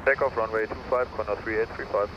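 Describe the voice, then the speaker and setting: A man, an airline pilot over the radio, reading back clearances in brisk, terse, clipped phrases. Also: fairly low pitch, fairly even intonation. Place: cockpit, heard over a scanner outdoors. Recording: muffled airband radio, outdoor noise.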